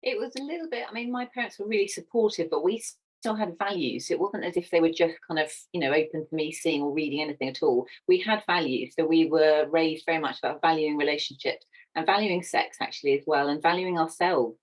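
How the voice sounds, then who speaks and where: Low-voiced woman, earnest. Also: fairly quick, rough recording. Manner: earnest and enthusiastic. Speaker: sex education teacher. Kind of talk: casual chat.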